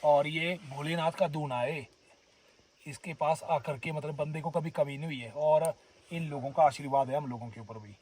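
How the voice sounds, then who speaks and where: Himachali guy vlogging at a forest camp, a bit high voice, mic kinda far off, faint hiss. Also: moderate pace, a little mellow. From Himachal Pradesh, India. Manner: chatty, addresses viewers as friends and brothers. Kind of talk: casual vlog narration. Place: outdoors at a forest herders' camp.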